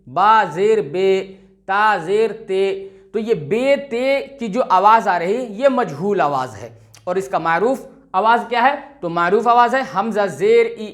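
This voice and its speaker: A high-voiced man teaching a step-by-step reading lesson. He spells out syllables slowly and deliberately. Then he quizzes the listener and answers his own questions. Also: a bit bright.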